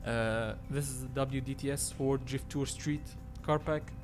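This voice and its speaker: A young man from Tunisia, not a native English speaker, hosting a sim-racing livestream, reading chat and answering in halting, filler-heavy talk. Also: medium pitch, steady tone. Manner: halting, filler-heavy, reads chat aloud and thanks subscribers. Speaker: livestream host. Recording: loud game music behind voice.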